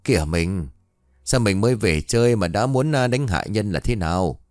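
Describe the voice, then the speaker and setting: A man voicing a lecherous, henpecked old village chief who flatters and wheedles his angry wife. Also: on the low side, moderate pace, no room sound, studio quality, close to an everyday voice. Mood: wheedling.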